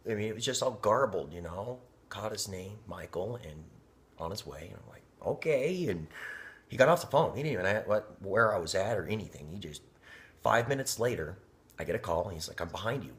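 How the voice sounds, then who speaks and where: A man's voice: sits low, vocal fry, fairly bright tone. A man telling a personal story in a casual, rambling way, often dropping to a near whisper. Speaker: vlogger. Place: inside a parked car.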